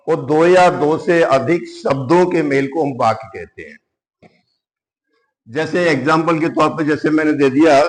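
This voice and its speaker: A man teaches a grammar class, his voice sitting a little high. He explains patiently, point by point, asking the class a question and then supplying the answer himself. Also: rough recording.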